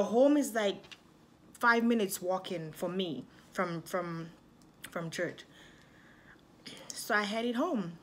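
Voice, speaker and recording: A young woman from Dominica with a Dominican accent, telling a personal story to her viewers in a chatty, animated vlog. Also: medium pitch, a little hiss or hum. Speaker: vlogger.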